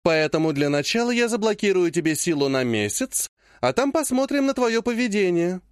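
A man voicing a powerful woman clan head who speaks in a slow, honeyed yet threatening way. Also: high voice, sing-song, smooth, dry recording, studio quality. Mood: honeyed menace. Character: sweetly menacing older woman clan head.

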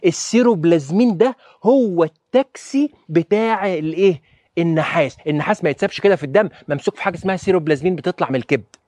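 Talking very fast in a high-pitched voice, an Egyptian Arabic-accented doctor gives a lively health lecture and keeps quizzing listeners with rhetorical questions. The audio has no echo.

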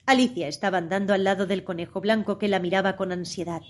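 A woman narrating a storybook in a measured, expressive reading. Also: mid-range voice. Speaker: audiobook narrator.

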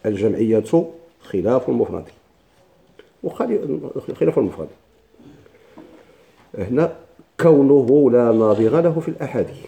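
Moroccan guy teaching grammar in class, super dark mellow voice, keeps asking and answering himself. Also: medium pitch, lively intonation, moderate pace, gravelly, long pauses. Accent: Moroccan Arabic. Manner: explains step by step with rhetorical questions and repetition.

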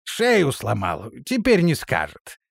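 An actor playing a brash, reckless male wizard-guard who shouts boisterously in a storybook reading. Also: mid-range voice, wildly swooping pitch, slow, creaky, dry recording, clean studio sound, exaggerated voice. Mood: mocking.

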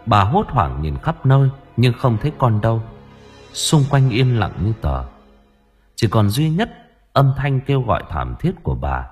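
A man narrating an audiobook in an expressive, dramatic storytelling manner. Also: medium pitch, a little slow, husky, faint music behind.

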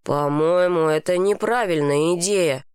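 A woman reading an audiobook, voicing an earnest, hesitant boy in a lowered voice. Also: a little slow, clean tone, no room sound, studio quality, lightly acted. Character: anxious earnest boy, Mason. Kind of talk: audiobook character voice.

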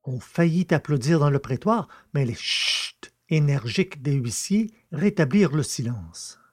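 Husky male audiobook narrator. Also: on the high side, animated. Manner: measured, storytelling.

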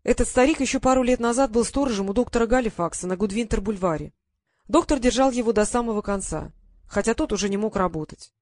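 A woman voicing a chatty young female aide who talks nonstop and loudly. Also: on the high side, fast, no room sound, close to an everyday voice. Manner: chatty, loud.

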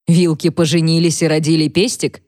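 A pompous, irritated husband, as a woman narrator puts him on, slow and lordly, talking down with dry sarcasm. Her voice drops low and dark for him. It is a close, dry reading. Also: no echo. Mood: condescending. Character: pompous irritated husband, self-important patriarch.

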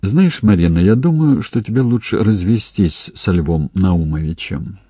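A man's voice: deep voice, expressive, unhurried, mellow, slightly rough, dry recording, studio quality, full character voice. A man voicing a scheming young woman friend who talks coldly and with a sneer, in an audiobook. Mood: scolding. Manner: cold, sneering.

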